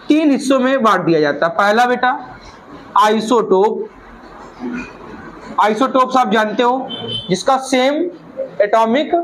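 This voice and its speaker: A man teaching a physics class, talking slowly to his students and calling them "beta", asking questions and then answering them himself, often repeating key terms. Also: very high voice, fairly bright tone, a little hiss or hum, rough recording. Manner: repeats key terms slowly, mixing English phrases into Hindi. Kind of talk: classroom lecture.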